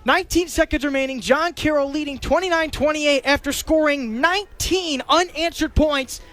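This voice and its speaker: A young man calls a football game live on the radio, using vivid, clipped, detailed phrases. His voice is very high-pitched and a bit bright, moving at a moderate pace.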